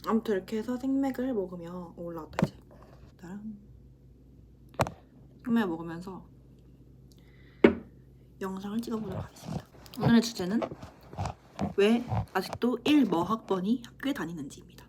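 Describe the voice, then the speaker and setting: A woman in her twenties, a university student, chatting casually to the camera in a vlog, self-teasing and quick to laugh. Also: mid-range voice, noisy background. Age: 20s.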